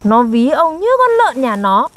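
A woman's voice: fairly high pitch, big pitch swings, normal speed, fairly bright tone, dry recording. A young woman, performing in a scripted comedy skit and teasing and scolding her partner in an exaggerated way. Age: young adult. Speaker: comic actor.

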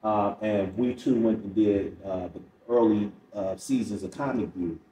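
On a podcast, a middle-aged comic from Chicago, United States, relates stories conversationally and replays dialogue in a warm, lowish voice at normal speed. It's picked up by a distant, roomy mic with a touch of faint noise.

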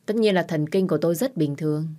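A woman's voice: sits low, fast talker, mellow, close to an everyday voice. A woman voicing a smug young man who teases in an offhand, mocking way.

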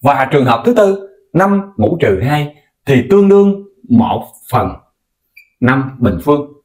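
A man explaining a math lesson to viewers in a lively, coaxing way, speaking to them directly. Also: fairly high pitch, slow pace. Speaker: math teacher.

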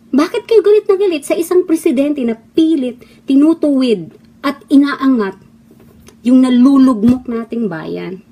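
A middle-aged woman from the Philippines rants in a heated, scolding monologue, firing off mocking rhetorical questions. Her voice is husky and mellow, pitched a little high for a woman. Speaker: former actress giving opinions. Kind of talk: impassioned monologue. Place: abroad, away from the Philippines.

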